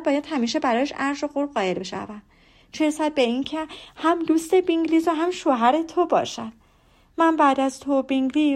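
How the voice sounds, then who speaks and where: Woman doing a soft sweet young sister, warm and a bit teasing, audiobook. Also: high voice, voice pushed up. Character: gentle, happy young woman, a loving elder sister. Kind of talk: audiobook character voice.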